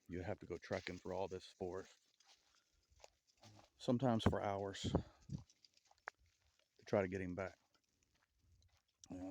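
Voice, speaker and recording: A man with a Southern US accent vlogging outdoors in a forest, rambling and halting with stutters and restarts as he muses aloud. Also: low-pitched, darkish tone. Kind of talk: casual outdoor vlog musing.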